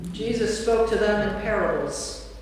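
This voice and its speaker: A woman with a medium-pitched voice reads scripted narration at a measured pace for a staged Bible reading. She's recorded from far off in a large, reverberant church, so the sound is echoey with faint noise.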